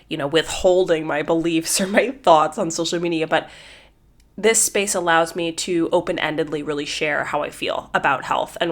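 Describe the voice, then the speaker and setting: Congested woman hosting a podcast. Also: lowish voice. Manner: chatty, repeats words as she thinks. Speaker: podcast host. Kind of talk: casual solo podcast talk.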